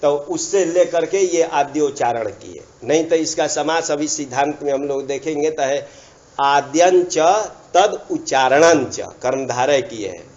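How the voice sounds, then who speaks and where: A man teaches a grammar lesson in a fairly high voice. He repeats key terms and keeps reminding the listener to pay attention. The recording is dull and lo-fi. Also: measured pace, a little mellow. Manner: repetitive, checks understanding with asides.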